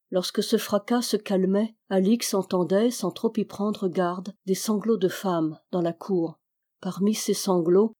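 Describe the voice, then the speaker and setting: A woman narrating a classic adventure novel in a measured, even storytelling voice. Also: mid-range voice, husky. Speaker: audiobook reader. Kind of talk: literary audiobook narration.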